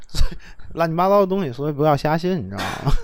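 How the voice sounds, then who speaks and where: A man telling casual anecdotes in a chat, animated and laughing, swinging between loud and soft with coarse slang. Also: fairly high pitch. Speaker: storyteller host.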